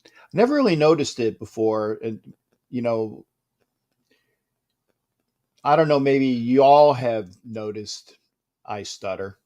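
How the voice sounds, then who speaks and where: This is a man with a medium-pitched, animated voice hosting a live sports talk stream, though he sounds upset and subdued. Soft-spoken, he stutters, restarts often and lets his sentences trail into pauses.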